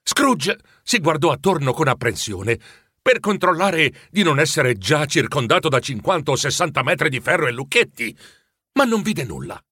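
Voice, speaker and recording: A man reading a storybook aloud in a lively, expressive way. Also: fairly high pitch, normal speed, slightly rough, dry recording, studio quality. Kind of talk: storybook narration.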